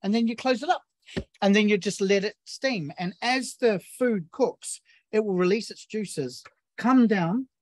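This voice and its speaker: A man's voice: high-pitched, unhurried, dry recording. A man from New Zealand, a barbecue chef, chatting casually and explaining cooking step by step with plenty of fillers. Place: outdoors at a barbecue.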